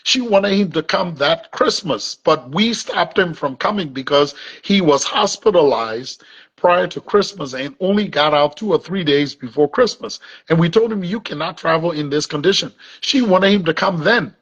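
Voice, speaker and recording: A man with a Liberian accent talks in a husky voice that sits a little high for a man. He stumbles and repeats words as he presses his argument. The audio sounds dull and lo-fi. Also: expressive, a bit bright. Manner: halting restarts, repeats words while building an argument. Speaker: interview guest. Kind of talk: remote interview, defending his account.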